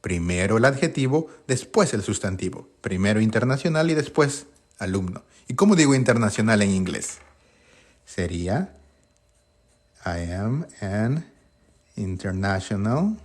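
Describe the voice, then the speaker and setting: A man teaching an online grammar lesson, asking questions and answering them himself and sounding out English words slowly. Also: on the low side, big pitch swings.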